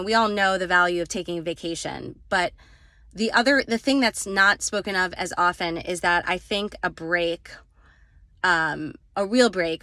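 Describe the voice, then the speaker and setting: Woman, middle-aged, coach, casual talk in a car, somewhat low pitch, ums and restarts. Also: bright, forceful tone, dry recording, clean studio sound. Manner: chatty and candid, with frequent ums and restarts. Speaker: executive and leadership coach. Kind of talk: casual vlog talk to camera. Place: inside a parked car.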